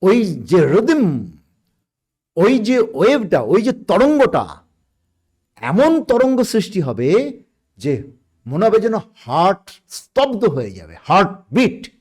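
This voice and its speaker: A man speaking as a guest on a podcast, explaining spiritual ideas in a measured way and pausing to search for words. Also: sits high, huge pitch swings, a little mellow, slightly rough.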